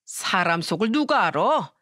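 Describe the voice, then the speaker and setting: A suspicious older mother-in-law barks accusations in a raised, scolding voice, as a woman puts her on. The voice is pitched up and pushed louder than the storyteller's own. It sounds like a story radio drama recorded close and dry. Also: very animated, a little slow, no room sound. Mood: accusing.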